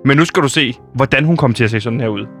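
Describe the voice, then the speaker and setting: A man's voice: mid-range voice, soft background music. A young man co-hosting a casual comedic chat, dryly steering the bit and summing up the idea. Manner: deadpan, steering the bit, plays the woman's replies. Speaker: podcast co-host.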